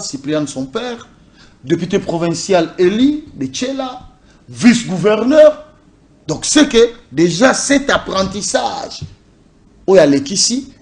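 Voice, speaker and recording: Here a man with a high, darkish voice gives a political interview, mixing languages. He is a party communication officer from Congo Central, DR Congo, and he speaks emphatically, driving his arguments home with repeated lists.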